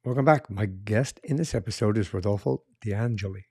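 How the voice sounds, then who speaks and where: A man hosting a podcast, reading a measured, promotional intro before interviewing his guest. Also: lowish voice, darkish tone, slightly rough, dry recording, clean studio sound. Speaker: podcast host. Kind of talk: scripted intro then interview.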